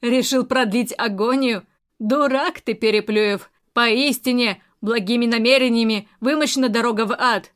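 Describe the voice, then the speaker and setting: A woman's voice: a little high, moderate pace, a bit bright, close to an everyday voice. A woman reading the part of a scornful, domineering aunt who mocks the people she talks to. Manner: mocking, scornful. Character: sharp-tongued older aunt, mocking and domineering.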